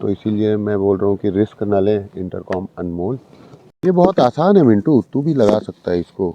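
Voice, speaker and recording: Speaking at a moderate pace in a lowish voice, a motorcycle vlogger from rural India chats casually with viewers he calls brothers. The outdoor recording, made on village roads and at a roadside eatery, is muffled and dull with background noise.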